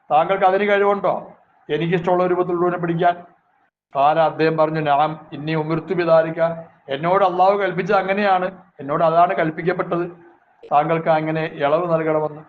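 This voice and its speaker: A man teaching a religious class, reading Arabic phrases and explaining each one in a slow, measured way, with short prayers between. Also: on the high side. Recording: tinny phone-like audio with faint hiss.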